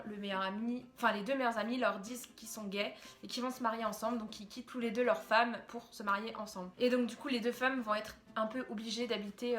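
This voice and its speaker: A woman's voice: fairly high pitch, fairly bright tone. A young woman chatting casually to camera as a YouTuber, talking through TV series with many fillers and restarts. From France. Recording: echoey room.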